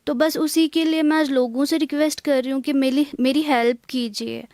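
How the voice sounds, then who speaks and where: A young woman from Kashmir, speaking softly and hesitantly in a tearful interview. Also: sits high, steady tone, no room sound. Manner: soft-spoken, hesitant, many pauses and fillers. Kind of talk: emotional interview.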